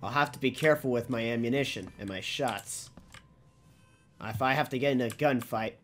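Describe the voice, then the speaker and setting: A man's voice: medium pitch, moderate pace, a bit bright, soft background music. Man musing through casual game commentary. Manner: musing aloud, sweary. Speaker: game streamer.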